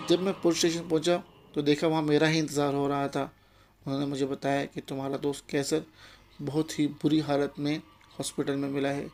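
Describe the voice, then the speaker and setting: A man's voice: a little high, creaky. A man narrating a first-person horror story in an anxious, tense retelling, with music playing underneath.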